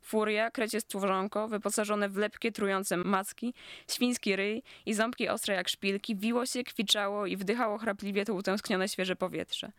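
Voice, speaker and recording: A narrator reading literary prose aloud, and the tone stays sardonic and biting. The voice is smooth and resonant at a middle pitch. The recording is close and dry, with no reverb. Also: steady tone, normal speed, fairly bright tone. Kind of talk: scripted narration of a literary story.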